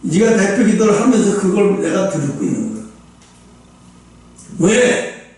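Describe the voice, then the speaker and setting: High-voiced pastor preaching in an echoey hall. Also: male voice, a little slow. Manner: animated preaching, swings from loud bursts to low asides; speaks directly to the congregation with rhetorical questions. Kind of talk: sermon. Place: church sanctuary. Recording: echoey church hall, mic at a distance.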